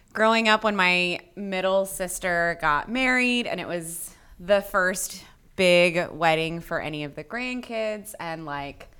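Smooth-voiced woman explaining casually. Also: fairly low pitch, sharp tone. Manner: explanatory, chatty. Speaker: podcast co-host, coach. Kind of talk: casual podcast chat.

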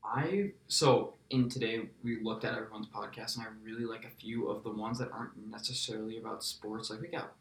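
A man's voice: lowish voice, steady tone, fairly quick, hardly any pauses, fairly bright tone. A teenage man with an American accent, a student podcaster answering questions casually. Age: teens. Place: indoor school podcast studio. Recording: roomy, reverberant room sound.

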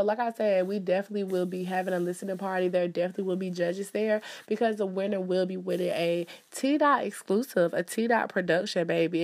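A woman's voice: medium pitch, darkish tone. A woman, stuffed up from allergies, talking casually and upbeat as she promotes events and calls listeners "baby.". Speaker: host promoting events and services. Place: indoors, in the country.

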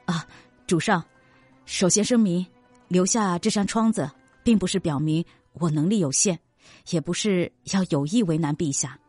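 A woman's voice: on the low side, moderate pace, darkish tone, slightly rough, no room sound, soft background music, pitched below the performer's own voice. A woman voicing the young man Aladdin in a storybook reading, courteous and deferential. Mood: humble.

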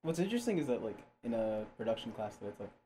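A man's voice: on the low side, big pitch swings, mellow. Brief: young male co-host, rambling explainer with a faint hiss. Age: young adult. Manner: explaining, halting, many fillers. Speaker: podcast co-host. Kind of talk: casual chat.

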